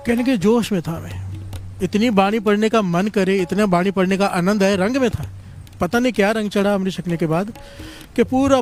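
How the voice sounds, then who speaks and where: A man's voice: high voice, darkish tone. A man preaching a Sikh storytelling sermon, calling the congregation to answer back again and again. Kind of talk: storytelling sermon with call-and-response.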